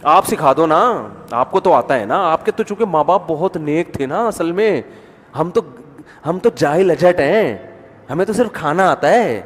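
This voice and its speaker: A man's voice: a little high, lively intonation. A man voicing a sarcastic young female daughter-in-law in mock-sweet, biting tones. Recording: echoey hall with faint music.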